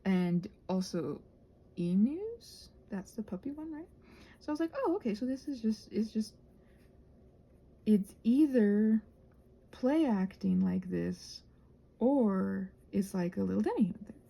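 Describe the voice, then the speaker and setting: Hosting a rambling craft vlog, a woman chats casually and at length, drifting between topics and often correcting herself or restarting her thoughts. Her medium-pitched voice is expressive, warm and husky with vocal fry, and she keeps a measured pace.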